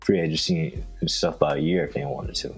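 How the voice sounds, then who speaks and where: A man co-hosting a podcast, chatting casually and excitedly about his team, bragging with frequent laughs. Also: a bass voice, a little fast, faint music behind, poor audio. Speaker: podcast co-host. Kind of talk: casual sports chat.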